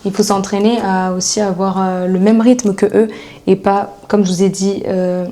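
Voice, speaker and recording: A woman giving a casual video lesson as an English coach, chatting and slowly repeating English phrases for practice. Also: mid-range voice, flat delivery, warm tone.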